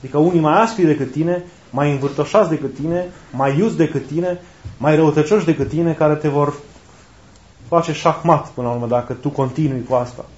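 A man's voice: fairly high pitch, darkish tone. A man preaching a sermon in a conversational way, asking rhetorical questions and repeating his key phrases. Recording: roomy, dull lo-fi recording.

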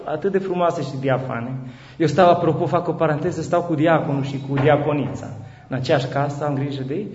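Bishop preacher, man, slightly high voice, lively storytelling, recorded dull and roomy. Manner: animated, rises high when excited, with restarts. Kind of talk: sermon with storytelling. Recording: dull echoey hall recording.

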